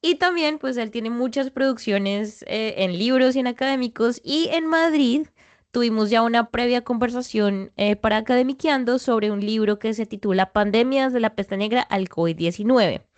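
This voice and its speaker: A woman's voice: fairly high pitch, normal speed. A young woman hosting an academic interview podcast, speaking conversationally with frequent fillers.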